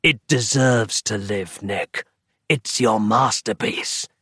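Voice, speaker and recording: A man voicing a charred, menacing male demon double with a rasping voice and slow, drawn-out threats. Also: fairly low pitch, sharp tone, dry recording, clean studio sound, heavily acted.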